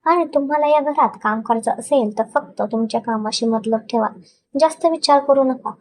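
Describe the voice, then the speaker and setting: A woman's voice: high-pitched, moderate pace, a little mellow, close to an everyday voice. A woman reading a cold domineering husband. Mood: cold, commanding. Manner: curt, commanding. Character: cold domineering rich young husband, man.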